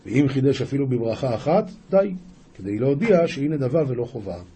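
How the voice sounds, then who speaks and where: A man's voice: medium pitch, very animated, mellow, a little hiss or hum. A male rabbi teaching a daily lesson, reading an old religious passage aloud and explaining it phrase by phrase, often restarting words as he goes. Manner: reads an ancient passage aloud, then explains each phrase; frequent restarts and self-corrections.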